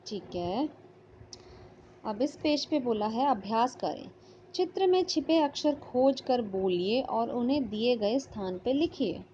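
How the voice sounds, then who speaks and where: Slow, patient woman teacher. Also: fairly high pitch, expressive, mellow, slight background noise. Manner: slow, patient, sounding out letters. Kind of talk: online class lesson. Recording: slightly dull lo-fi audio.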